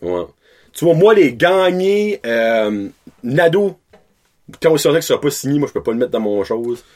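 Animated man talking hockey. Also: mid-range voice, moderate pace. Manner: lively, mixes English words into French. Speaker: podcast co-host. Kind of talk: casual hockey chat.

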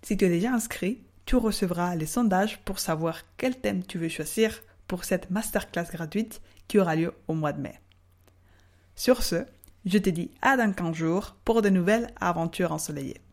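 A woman teaching Spanish on a podcast lesson, speaking slowly and drawing out model words for the listener to repeat. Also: lowish voice, darkish tone. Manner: slow, carefully spelled-out model words for repeating.

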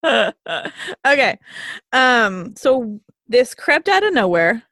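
A woman's voice: on the high side, very animated, drawn-out words, a bit bright, no room sound, studio quality. A woman hosting a casual chat, bubbly and full of fillers like "like" and "uh", often laughing. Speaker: podcast host. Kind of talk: casual conversation.

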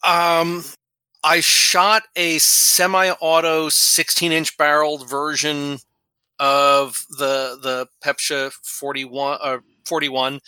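A man from New York co-hosting a podcast, his voice very bright and sharp against a dry, close sound. He talks with eager enthusiasm and rambles through restarts as he explains. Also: a little high, level tone, slow, clear, resonant tone, dry recording. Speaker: podcast co-host. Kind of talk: casual podcast chat.

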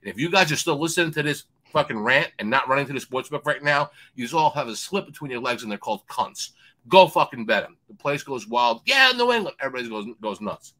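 A swearing sports bettor who rants loudly and plays out the other people in his story himself. His voice is bright and forceful, pitched at an ordinary middle height for a man. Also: fast, hardly any pauses. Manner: loud, swears constantly, acts out other voices. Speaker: sports betting handicapper guest. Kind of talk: profane ranting storytelling.

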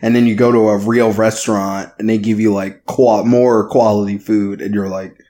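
A man's voice: fairly low pitch, little pitch movement, normal speed, warm tone. A man co-hosting a casual podcast chat, joking and laughing often. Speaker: podcast co-host.

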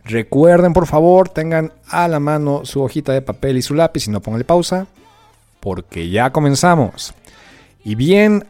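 A man's voice: medium pitch, darkish tone. A man with a Mexican accent hosting a casual English lesson podcast, playful and full of slang and joking asides. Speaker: English teacher and podcast host.

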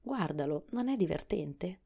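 A woman's voice: on the low side, expressive, creaky, warm tone, breathy edge, heavily acted. A woman voicing a bold young boy in a storybook, protesting and proud. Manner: protesting, quick to defend himself.

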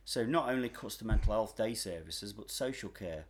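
A man's voice: lowish voice, lively intonation, moderate pace. Hesitant British man chatting. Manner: hesitant, restarts often, opinionated. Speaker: podcast co-host, former mental health worker. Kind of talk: casual chat.

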